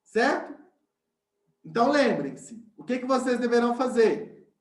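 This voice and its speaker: A man's voice: very high-pitched, very animated, measured pace. Male teacher, explains step by step and often checks that the class follows, in a roomy echoey space. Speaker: science teacher. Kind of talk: online class lesson.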